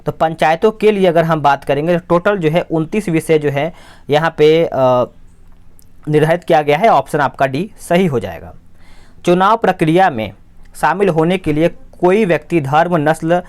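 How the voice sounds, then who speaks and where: A man working through exam practice questions as a tutor, explaining quickly and often asking a question aloud before answering it himself. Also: a little high, clean tone. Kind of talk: quiz answer walkthrough.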